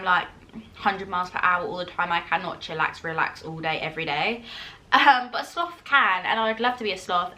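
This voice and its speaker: A woman, chatting casually with viewers in a Q&A while eating, rambling quickly with many fillers. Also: mid-range voice, pushed and bright. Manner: chatty and self-reassuring, laughs often. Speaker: vlogger.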